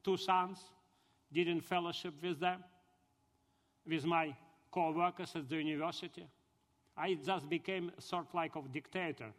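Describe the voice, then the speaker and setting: Ukrainian guy, high voice, telling his testimony in broken english, big echoey hall. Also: fairly even intonation. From southern Ukraine. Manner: halting, earnest storytelling in broken English. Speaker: speaker giving his testimony. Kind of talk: personal conversion testimony. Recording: long hall reverb.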